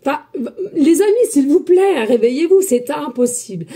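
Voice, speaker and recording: A woman medium giving a spiritual guidance reading, talking loudly and emphatically and chatting with her viewers as friends. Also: high voice, moderate pace. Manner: loud, emphatic, energetic talk. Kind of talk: casual spoken guidance to viewers.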